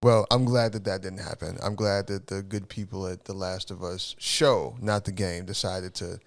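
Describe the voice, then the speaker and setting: A middle-aged man from the Chicago area, co-hosting a casual chat and often pausing and repeating words. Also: deep voice, vocal fry, dry recording. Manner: relaxed, halting, repeats words. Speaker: co-host.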